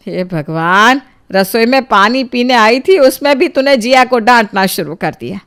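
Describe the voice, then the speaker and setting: A woman's voice: a little high, animated, measured pace, fairly bright tone. A woman voicing a scolding old grandmother who spoils her granddaughter, in a cartoon storybook. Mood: chiding. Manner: indulgent, chiding.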